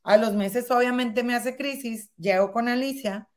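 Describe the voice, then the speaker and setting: A woman in her thirties telling a personal story as a guest in conversation, lively and acting out past dialogue. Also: fairly high pitch, a little slow. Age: 30s.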